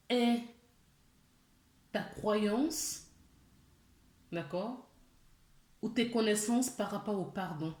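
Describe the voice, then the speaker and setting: A woman giving a spiritual guidance reading, speaking straight to the listener with many gentle questions and "d'accord?" check-ins. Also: medium pitch, roomy sound. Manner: slow, questioning, addresses listener directly. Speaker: spiritual channeler.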